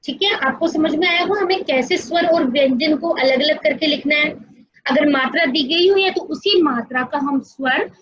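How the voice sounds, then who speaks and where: A school teacher with a high, slightly bright voice teaches young children in an online class at a normal pace. She explains things patiently, step by step, and often speaks to the kids directly. The recording is dry and dull.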